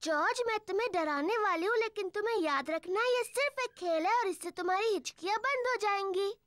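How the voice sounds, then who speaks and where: High, bright little piglet girl Peppa Pig. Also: fairly quick, no room sound. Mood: bossy. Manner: childlike, exclaiming, bossy. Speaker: cartoon voice actor. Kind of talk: children's cartoon dub.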